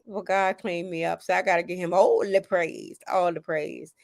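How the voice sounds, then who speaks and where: A woman's voice: fairly low pitch, fairly even intonation, normal speed, vocal fry, no echo, studio quality. Emotional woman thanking her listeners. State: recovering from chemo, tired. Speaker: host. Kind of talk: casual livestream chat.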